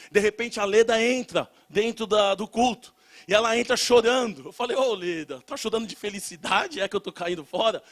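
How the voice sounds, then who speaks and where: A young man preaching, telling a testimony and rising into loud shouted prayer. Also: very high voice. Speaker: pastor. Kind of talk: sermon.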